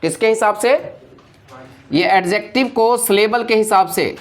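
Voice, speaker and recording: A man's voice: high voice, measured pace. A male teacher giving a classroom grammar lecture, constantly quizzing his students with call-and-response questions.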